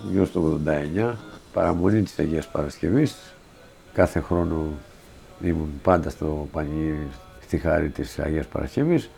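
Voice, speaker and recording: A man's voice: low-pitched, creaky, warm tone, slight background noise. A middle-aged man from Greece telling a first-person story from his past in a plain, vivid way, quoting the people involved. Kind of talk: spoken first-person recollection.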